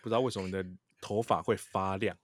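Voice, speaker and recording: Male co-host, lower register, Taiwanese Mandarin accent, casual banter, close dry sound. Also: steady tone, fast talker, no echo. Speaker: podcast co-host.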